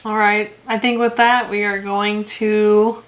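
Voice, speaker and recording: A woman's voice: mid-range voice, flat delivery, takes it slowly. A woman chatting playfully while baking cookies at home for a vlog. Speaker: vlogger. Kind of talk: casual home vlog chat. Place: home kitchen.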